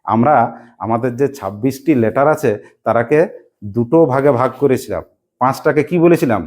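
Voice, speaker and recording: A woman teaching an English grammar lesson to a class, asking quick questions and spelling words out letter by letter. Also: very deep voice, darkish tone.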